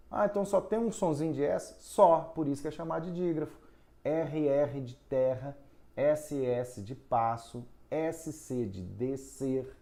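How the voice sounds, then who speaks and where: A man's voice: mid-range voice, warm tone. A man teaching a recorded phonetics lesson, explaining step by step, asking and answering his own questions and drawing out syllables to show stress.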